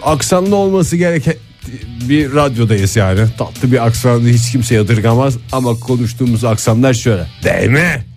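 A man hosting a morning radio show, joking in a deadpan, mock-official way with his co-hosts. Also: medium pitch, moderate pace, soft background music. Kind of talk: casual radio banter. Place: radio studio.

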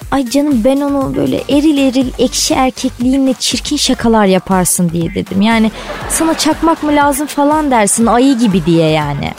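A woman's voice: sits high, lively intonation, moderate pace, darkish tone, faint music behind. A woman co-hosting a radio show, bantering casually in a teasing, exasperated, colloquial city-girl way.

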